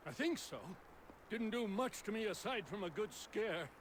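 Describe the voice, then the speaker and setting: Courteous colonial craftsman, formal and grateful, slightly raised pitch. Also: expressive, moderate pace, slight background noise. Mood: polite. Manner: courteous, formal period speech. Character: polite grateful male colonial woodworker, adult. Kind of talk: video game dialogue.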